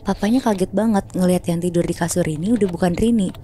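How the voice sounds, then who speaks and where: A woman's voice: fairly low pitch, quick pace, dark tone, slight background noise. A woman casually telling a horror story on a podcast, chatty and slangy, acting out sounds.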